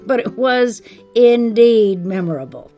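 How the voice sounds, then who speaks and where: A woman's voice: on the high side, expressive, measured pace, dark tone, highs cut off, soft background music. A middle-aged woman hosting a podcast, telling a scripted personal story. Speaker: podcast host.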